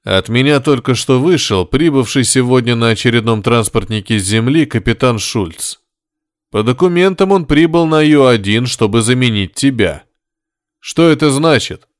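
A man voicing a nervous, hurt male officer who speaks low, tense and reproachful. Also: expressive, normal speed, no echo, studio quality, close to an everyday voice.

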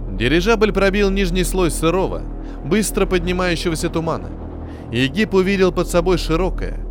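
A man narrating an adventure novel with expressive, varied intonation. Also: on the high side. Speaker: audiobook narrator. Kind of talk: scripted narration. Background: soft music.

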